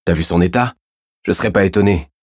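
A man's voice: deep voice, fast talker, no echo, studio quality. A man voicing a tough male gendarme who presses a suspect for answers in a raised voice. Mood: pressing.

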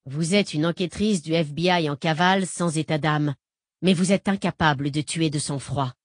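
Narrator voicing calm woman fugitive agent, patient menace, low and dry. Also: moderate pace, no echo. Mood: menacing. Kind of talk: audiobook character reading.

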